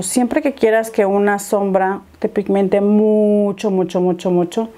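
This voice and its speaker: Girl chatting thru her makeup, soft warm voice, easygoing. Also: a little high. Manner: chatty, explains each step to viewers. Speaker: beauty vlogger. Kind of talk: makeup tutorial chat.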